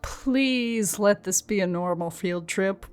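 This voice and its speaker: This time her medium-pitched voice is clear and resonant, taking things slowly and only lightly acted, with soft music underneath. In the ASMR audio drama she again voices the patient, wry student, a sensible young woman who teases her friend with dry, level-headed humor.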